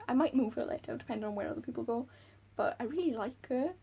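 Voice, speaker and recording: Talking fast in a slightly high voice with vocal fry and breathiness, this young Welsh book vlogger chats to camera at home beside a window. She's giggly and pokes fun at herself. The highs in the audio are cut off.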